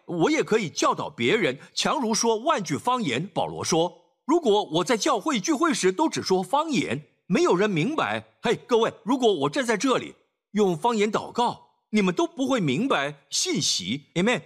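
A man preaching a sermon emphatically, often pausing on filler sounds and dropping in "Amen.". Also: sits high, wildly swooping pitch, husky.

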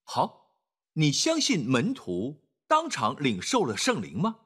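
A man preaches a sermon with a breathy, husky tone. His voice is high and swoops dramatically between peaks and dips. He presses his points hard, stumbles on filler sounds, and keeps tossing in "Amen.". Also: wildly swooping pitch, takes it slowly, sharp tone. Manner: emphatic, frequent filler sounds, sprinkles "Amen".

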